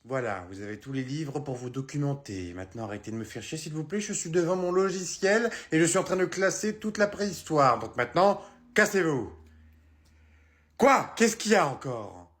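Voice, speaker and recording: A man's voice: on the high side, lively intonation, moderate pace, fairly bright tone. A man playing a rude, irritable librarian who gives curt, bossy orders.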